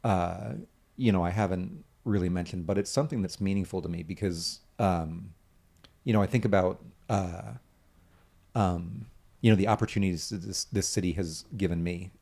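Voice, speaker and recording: A man guest on a talk show, speaking earnestly, rambling with many fillers and pauses. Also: deep voice, gravelly, a little mellow. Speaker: guest, nonprofit founder. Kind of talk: casual conversation.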